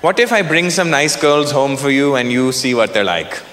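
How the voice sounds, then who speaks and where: A man's voice: medium pitch, expressive, moderate pace, fairly bright tone, voice pushed down, lightly acted. Man putting on a fretting Indian mom. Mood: coaxing. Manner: coaxing, worried. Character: fretting Indian mother, older woman. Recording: echoey hall, live crowd laughing.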